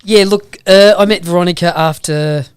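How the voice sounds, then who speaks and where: A man's voice: high-pitched, moderate pace, smooth, dry recording, studio quality. A man with a broad Australian accent telling rambling anecdotes casually in an interview. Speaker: podcast guest, motorbike vlogger.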